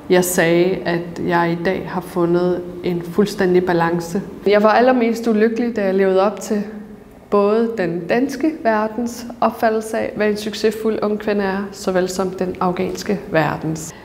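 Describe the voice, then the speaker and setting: A woman's voice: medium pitch, darkish tone. A woman in her thirties talks earnestly and reflectively, stopping often to find her words. Her mid-range voice is picked up on a lapel mic. A long reverb from the large museum gallery hangs behind her, along with a faint hiss. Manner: earnest, thoughtful, with many pauses and fillers. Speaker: author and debater. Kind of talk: reflective interview.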